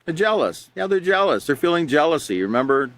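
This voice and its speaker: A man's voice: on the high side, sing-song, fairly quick, a bit bright, no echo. Patient man teaching a class, dry sound. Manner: patient, repetitive, asks rhetorical questions and answers them. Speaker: character education teacher. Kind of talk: live online class, reading examples and explaining.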